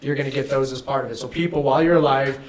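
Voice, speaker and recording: Speaking at medium pitch in a steady tone, a man plays an estate planning attorney on a casual podcast, laying out legal steps in a measured, plain-spoken manner.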